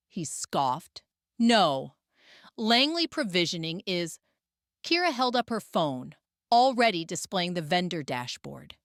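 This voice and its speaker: A woman narrating a scripted drama story with expressive pacing. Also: fairly low pitch, no echo, studio quality.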